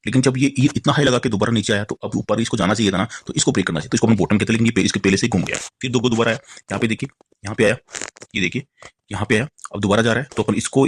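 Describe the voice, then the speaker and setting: A man's voice: on the low side, fairly bright tone, a little hiss or hum. A man walking viewers through market charts, rambling and constantly pointing out "look here". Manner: repeatedly points things out, keeps saying "look here"; rapid rambling explanation with fillers and restarts. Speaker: stock market analyst. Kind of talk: screen-share chart walkthrough.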